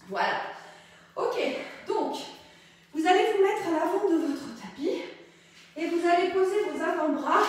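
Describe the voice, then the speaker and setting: A high-voiced woman talks a class through a pilates routine, cheerful and pushing with repeated cues. She is heard from a distance in a very echoey room. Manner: upbeat, coaxing, repeating cues. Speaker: pilates instructor. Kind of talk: guided workout instruction. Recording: very echoey room, far from the mic.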